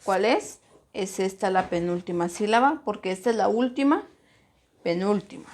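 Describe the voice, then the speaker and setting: A woman teaching a primary school grammar lesson, slowly and deliberately, stressing syllables as she models words. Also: medium pitch, a little mellow.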